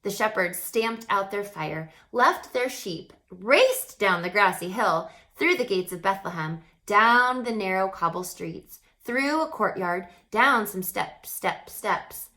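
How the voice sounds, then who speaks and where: A woman who reads storybooks aloud delivers a children's tale with dramatic expression, stretching out words and slipping into hushed passages. Her mid-range voice is expressive, and she moves at a slow pace with few pauses.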